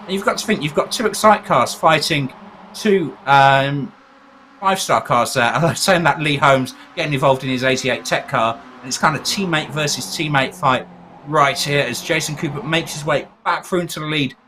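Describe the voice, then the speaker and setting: A man giving relaxed colour commentary, his voice sitting a little high and turning eager when the racing tightens. He chuckles through his remarks, and steady background noise runs under the whole commentary. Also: normal speed. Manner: chatty, chuckling, rising in pitch at close moments. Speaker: race co-commentator. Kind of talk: live motorsport colour commentary.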